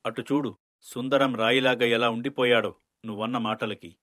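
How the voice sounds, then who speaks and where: A man voicing a calm, dry-witted male alien in an animated story, wry and level-headed. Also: mid-range voice, moderate pace, no echo, natural voice. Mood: friendly. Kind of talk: storybook cartoon voice acting.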